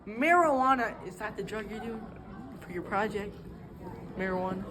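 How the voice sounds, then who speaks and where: A young woman improvising a mock interview, deadpan and stammering. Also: mid-range voice, moderate pace, background noise. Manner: deadpan, stammering, breaks into laughter. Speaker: interviewee in a comedy skit.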